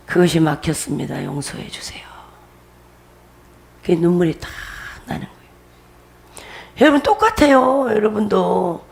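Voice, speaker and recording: A woman's voice: medium pitch, creaky, a little mellow. A woman pastor giving a testimony sermon, emphatic and repetitive, often breaking into laughter as she urges her listeners.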